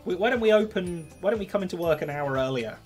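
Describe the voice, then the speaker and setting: Man, slightly high voice, playful and bossy, gameplay chat, faint game music behind. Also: animated, fast, darkish tone. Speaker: gaming channel host.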